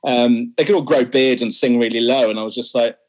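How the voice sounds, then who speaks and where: In an interview, a young man who sings speaks openly about his music, self-deprecating and quick to laugh. He has a medium-pitched voice with a steady tone and a brisk pace.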